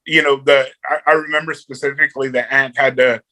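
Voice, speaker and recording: A man's voice: medium pitch, little pitch movement, fairly quick, bright, forceful tone, rough recording. A man, a guest on a movie review podcast, talking casually and rambling, repeating words and saying "you know" a lot.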